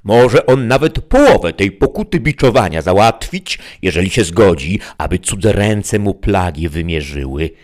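A solemn, ancient wizard spirit , as a male storyteller puts him on, declaims in a raised, swooping voice. He talks slowly and ornately, like a proclamation in a storybook reading. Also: deep voice, big pitch swings, a little mellow, pitched above the performer's own voice. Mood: solemn declaiming.

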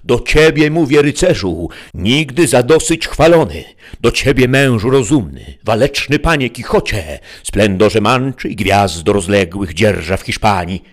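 A man's voice: fairly low pitch, expressive, voice pushed up. A man voicing Merlin, a solemn ancient wizard spirit. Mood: solemn declaiming. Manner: declaiming, ornate and slow.

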